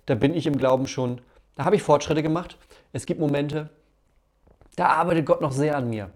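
A man's voice: on the high side, creaky, darkish tone. A male pastor giving a conversational sermon, acting out everyday stories as he goes.

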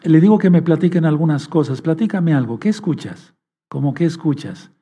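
Male preacher, very dark husky voice, pastoral sermon delivery. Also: a little high, normal speed. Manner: pastoral, addresses listeners as brothers, acts out inner voices.

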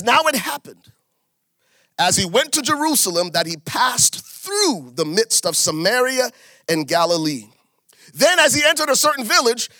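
A middle-aged preacher from Liberia delivers his sermon in a bright, forceful voice that sits a little high for a man. He leans on repetition, swinging his pitch and volume widely to drive each point home. The sound is close and dry. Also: dry recording. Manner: preaching with big swings in pitch and volume, repeating phrases for emphasis. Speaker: pastor.

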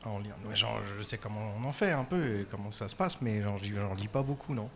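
A man guest on a live podcast panel, answering quietly, hesitantly and briefly. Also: on the low side, fast talker, slight background noise. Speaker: guest comic author. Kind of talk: casual panel chat. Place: live stage before an audience.

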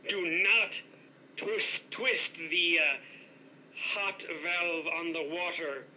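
Man doing a grandiose ghost innkeeper, bright and a bit high, talks down to mortals. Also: very slow, slight background noise, heavily acted. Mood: haughty. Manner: haughty, grandiose, condescending. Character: pompous headless male ghost hotel master. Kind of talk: improv comedy scene.

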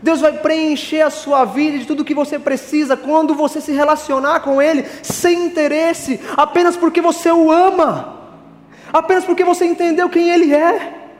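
A man's voice: very high-pitched, steady tone, moderate pace. A man preaching an earnest sermon, telling illustrative stories with emphatic delivery. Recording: long reverb, faint music.

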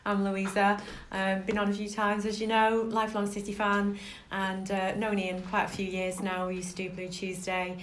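A woman's voice: medium pitch, monotone, moderate pace, few pauses. A woman chatting casually as a regular football podcast guest. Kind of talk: casual chat. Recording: echoey room, faint noise.

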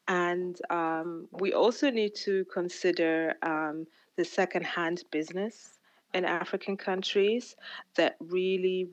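A woman from Uganda answering interview questions in a casual, thoughtful way, with frequent ums and pauses over a remote call. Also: on the low side, no room sound, muffled recording. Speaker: podcast guest, fashion platform founder.

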